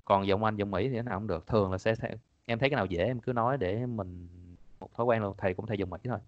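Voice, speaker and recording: Chatty male teacher with a low voice, online class on dull lo-fi audio. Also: quick pace, dry recording. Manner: casual, chatty, repeats points, laughs often. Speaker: English teacher. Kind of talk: online exam-prep class.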